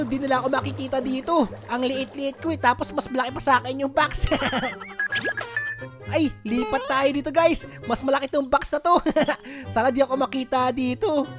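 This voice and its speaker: A woman hosting her gaming channel, giving excitable let's-play commentary and giggling often. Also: high voice. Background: background music.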